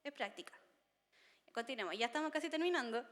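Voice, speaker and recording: A woman's voice: high-pitched, animated, fast, fairly bright tone, in a large hall. A woman giving a conversational seminar talk to parents, often checking in with her listeners. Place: seminar room.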